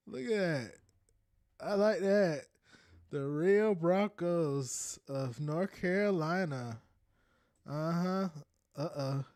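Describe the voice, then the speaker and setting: Browsing and reading aloud, a podcast host in his thirties chats casually and with energy, laughing often. His voice is a little high and mellow, captured as clean studio sound with no room ambience.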